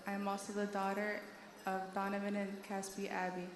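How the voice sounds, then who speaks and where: A woman's voice: medium pitch, completely flat delivery, a little fast, a crowd in the background. A woman from North Dakota giving a formal self-introduction as visiting powwow royalty. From North Dakota, United States. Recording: echoey sound system, faint background noise.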